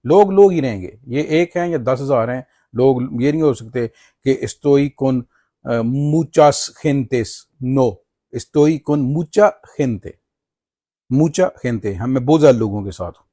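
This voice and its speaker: Male tutor, unhurried and patient, mellow tone, repeats and spells each word. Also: medium pitch, animated, no echo, studio quality. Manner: slow, patient, spells out words letter by letter. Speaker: language teacher. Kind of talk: explaining Spanish vocabulary in Urdu.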